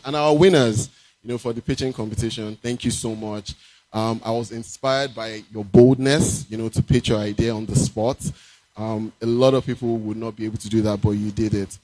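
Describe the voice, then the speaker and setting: A man's voice: on the low side, darkish tone, no room sound, low-quality recording. Man giving an improvised, dry-sounding closing speech. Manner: hesitant, improvised, peppered with "you know". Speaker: event organiser giving thanks. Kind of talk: informal closing speech on stage.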